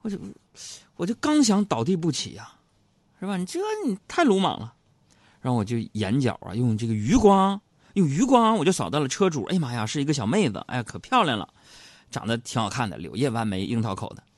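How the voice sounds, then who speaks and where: A man telling comic stories in a lively stand-up monologue, acting out other people's voices. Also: medium pitch, brisk, dry recording. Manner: animated storytelling, acts out other voices. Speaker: comedy radio host.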